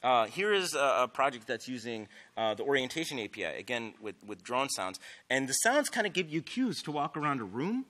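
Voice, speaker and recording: A man's voice: mid-range voice, big pitch swings, a little fast, hardly any pauses, bright, forceful tone. A man giving a casual, enthusiastic conference talk on stage, full of "like" and "um". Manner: enthusiastic, filler-heavy, many "like"s. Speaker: conference speaker. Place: conference stage before an audience.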